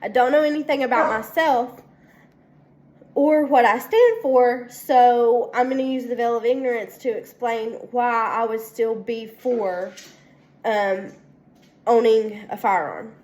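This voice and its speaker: Young female student, congested, slightly high voice, unhurried, halting delivery with frequent fillers. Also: fairly even intonation, darkish tone. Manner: hesitant, many ums and restarts. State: congested from a sinus infection. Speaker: student presenting a weekly assignment. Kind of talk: casual spoken class presentation.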